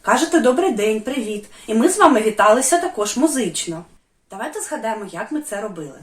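A woman's voice: on the high side, big pitch swings, quick pace, reverberant. A woman teaching a music lesson to small children, sing-song and encouraging.

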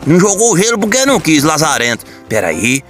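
A man giving excitable, exaggerated comedic commentary while playing a game, full of folksy slang. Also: a little high, quick pace, soft background music. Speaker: gaming comedy creator.

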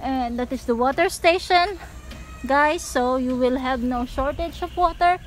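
Filipino woman vlogger, 40s, high voice, chatty outdoor walk-and-talk on phone mic, faint noise behind. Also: a little slow, low-quality recording. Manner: chatty, fillers like "so" and "guys". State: sweaty from walking. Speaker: real estate vlogger. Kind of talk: casual walking tour vlog. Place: outdoors on rural lanes and overgrown land. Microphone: phone camera at arm's length.

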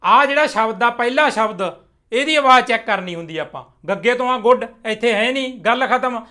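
Young male teacher, high and bright voice, patient step-by-step lesson delivery, slows right down to model example sentences. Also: lively intonation. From Punjab. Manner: slow, deliberate modelling of English sentences, clear step-by-step explaining. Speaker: English teacher. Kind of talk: spoken English lesson explained in Punjabi.

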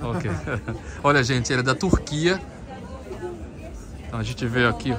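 At a measured pace and medium pitch, a Brazilian vlogger with a Brazilian Portuguese accent tours an outdoor Christmas market, the crowd loud in the background. He's chatty with his audience and switches to careful French for the vendors.

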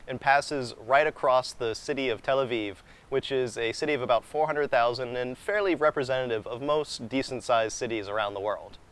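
An American man in his thirties presents a scripted review in the manner of an online explainer. His voice sits at a middling pitch for a man. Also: clean tone. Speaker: vlogger and product reviewer.

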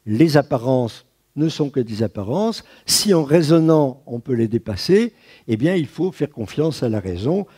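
Husky-voiced man giving a lively lecture. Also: mid-range voice, moderate pace. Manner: explanatory with frequent asides. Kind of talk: public science lecture. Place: lecture at an astronomy festival.

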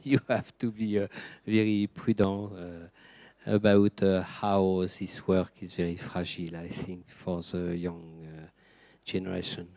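Man, French accent, low pitch, hesitant, filler-heavy, dry close sound. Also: level tone, unhurried, darkish tone, dry recording. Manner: hesitant, searching for words, many fillers. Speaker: gem engraver guest. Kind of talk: halting conversational answers.

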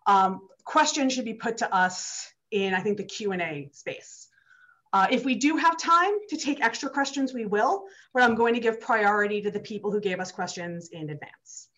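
A woman's voice: mid-range voice, moderate pace, fairly bright tone. A young woman opening a virtual town hall as the host, chatty, with many fillers and restarts, and a little out of breath. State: slightly out of breath. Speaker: state legislator hosting a virtual town hall. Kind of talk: casual opening remarks on a video call. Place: district office. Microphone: video call. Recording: dull lo-fi video call audio.

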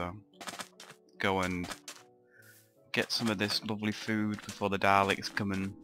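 Grumbling young gamer guy. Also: deep voice. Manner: rambling, grumbling and swearing to himself. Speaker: gamer narrating a let's play. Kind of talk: casual gameplay commentary.

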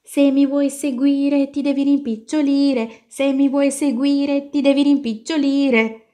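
A woman voicing a small, brave little girl who talks slowly and teasingly, without fear. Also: mid-range voice, animated. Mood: sing-song. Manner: slow, teasing and unafraid.

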